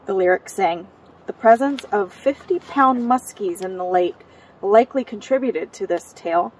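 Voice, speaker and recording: A woman from Michigan, recorded outdoors on a cold night, reading local legends aloud in a steady storytelling way. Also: medium pitch, moderate pace, slightly rough. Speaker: co-host of a ghost story show. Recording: distant mic outdoors.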